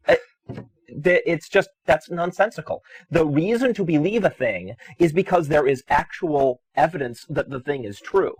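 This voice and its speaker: A man's voice: fairly high pitch, breathy edge, no echo, low-quality recording. A man hosting an unscripted call-in show, debating in a blunt, incredulous and sarcastic way. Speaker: talk show host.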